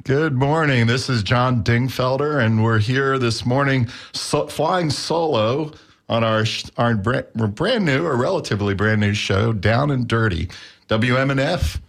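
A man hosting a local radio talk show from a studio, halting, with many fillers and restarts. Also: mid-range voice, gravelly. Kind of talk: casual radio chat. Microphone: studio microphone.

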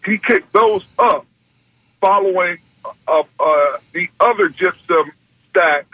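A man calling into a radio show over a phone line, speaking in an earnest, measured way. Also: high voice, dry recording. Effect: heard through a phone line on a radio call-in. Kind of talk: call-in comment. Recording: dull, dry phone line.

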